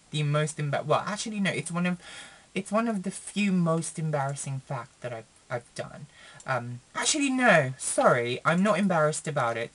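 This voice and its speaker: Chatty young man vlogging. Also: slight background noise. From Philippines. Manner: chatty and rambling, many fillers and restarts, expressive pitch swings. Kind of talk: casual chat to camera. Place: small room indoors.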